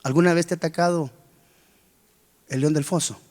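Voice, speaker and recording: A man preaching a sermon as pastor, with sudden surges of pitch and force, acting out worried church members. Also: steady tone, brisk, a little mellow. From Guatemala. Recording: long reverb of a church hall.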